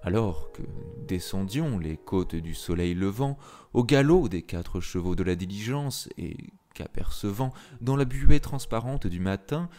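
A man's voice: on the low side, animated, unhurried. A man voicing an anguished young married woman, confessing in a pleading, impassioned way during a dramatic reading of a literary tale. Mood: tearful confession. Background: soft piano music.

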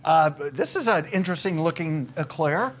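A middle-aged TV host from Wisconsin, chatty and enthusiastic, asking about the goods while touring a bakery. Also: male voice, on the high side, animated, moderate pace. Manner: enthusiastic, chatty, laughs often. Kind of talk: casual TV tour interview. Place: indoors in a bakery shop.

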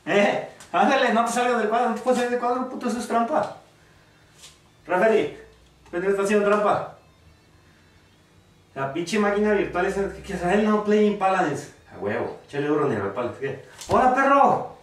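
Shouting rowdy, slang-heavy trash talk at a VR boxing game, this Mexican gaming YouTuber with a northern accent delivers excited let's-play commentary from a room at home. His high-pitched, animated voice keeps a moderate pace broken by long pauses. The mic is distant, the room echoes, and there's faint noise.

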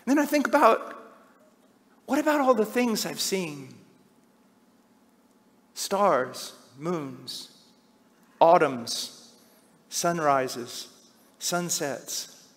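A middle-aged man preaching a sermon, swinging from hushed, slow passages to loud, shouted cries. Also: on the high side, lively intonation. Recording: long hall reverb.

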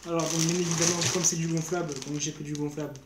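A young vlogger gives casual unboxing commentary in a hesitant, rambling way, stopping often to hunt for the right word. The room sounds roomy and echoey. Steady background noise and crinkling packaging sit clearly behind the voice. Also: medium pitch, quick pace. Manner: hesitant, rambling, searching for words.

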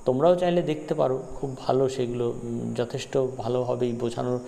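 A man's voice: medium pitch, little pitch movement, a little fast, creaky, dark tone. A man teaching an English poem in a Bengali lesson, explaining terms patiently and repeating key words, with frequent fillers. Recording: long reverb, faint noise.

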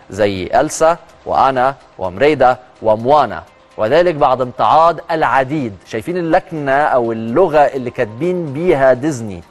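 A man with an Egyptian accent presenting a social media news segment, chatty and emphatic as he comments on the stories. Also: medium pitch. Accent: Egyptian Arabic. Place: TV studio.

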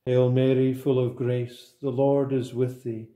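A man leading a sequence of liturgical prayers in a slow, solemn, even recitation. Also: mid-range voice, roomy sound. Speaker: prayer leader.

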